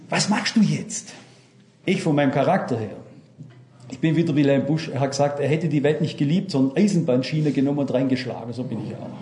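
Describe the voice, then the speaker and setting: A man's voice: medium pitch, warm tone, echoey room, a little hiss or hum. An older man preaching a sermon, fervent and speaking straight to his congregation with questions.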